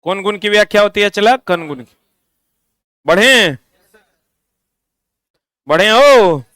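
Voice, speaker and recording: A male teacher leads a physics lesson, asking questions and slowly repeating the answers for students to write down. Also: sits high, lively intonation, sharp tone, dry recording. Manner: drifts into stern ranting.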